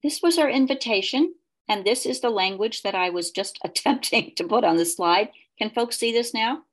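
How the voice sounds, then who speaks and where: A woman facilitating an online group meeting over a video call. She talks with a hesitant manner and fills her sentences with pauses. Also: on the high side. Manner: hesitant, many fillers.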